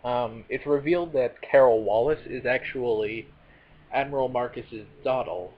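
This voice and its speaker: A man's voice: mid-range voice, normal speed. Man rambling through a movie recap, lo-fi. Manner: rambling, many fillers and self-corrections. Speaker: film reviewer. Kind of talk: casual spoken movie recap. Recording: dull lo-fi recording with faint noise.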